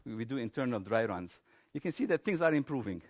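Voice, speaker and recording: A man's voice: medium pitch, big pitch swings, quick pace. A man giving a technical conference presentation in an informal, explanatory manner.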